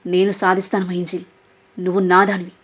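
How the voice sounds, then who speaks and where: A woman's voice: fairly low pitch, monotone, brisk, close to an everyday voice. A woman voicing an obsessive, hot-tempered young man who talks intensely and demands. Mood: possessive. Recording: dull lo-fi audio.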